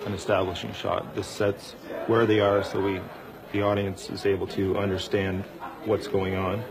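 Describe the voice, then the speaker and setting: A man's voice: low-pitched, little pitch movement, moderate pace, over a noisy crowd, rough recording. A man speaking as an animation layout artist, explaining his work in a documentary interview. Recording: noticeable background noise.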